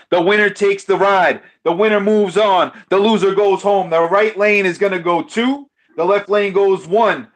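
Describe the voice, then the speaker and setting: A race commentator with a notably high voice calls a diecast car race live, excitedly repeating his calls and now and then tripping over names. His voice is starting to wear out as he loses it.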